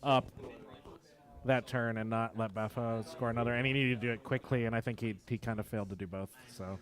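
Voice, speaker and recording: A man commentating a tabletop wargame stream in a relaxed, chatty, analytical way. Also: mid-range voice, brisk. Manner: chatty, analytical, laughs easily. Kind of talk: casual live game commentary.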